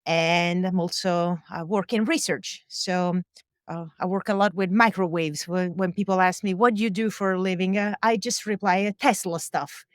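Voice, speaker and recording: The interview guest, a woman from Europe who makes music and engineers sound, talks from a home recording studio on a boat in a chatty way, filler-heavy and laughing between ideas. Her voice sits on the low side with fairly even intonation at normal speed, studio quality with no room sound.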